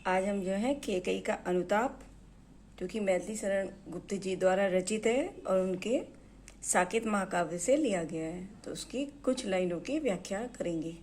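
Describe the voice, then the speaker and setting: A woman teaching Hindi poetry on her own channel. She explains the verses line by line, glosses words, repeats herself, and reads the verse lines louder. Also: mid-range voice, a little slow, a little hiss or hum.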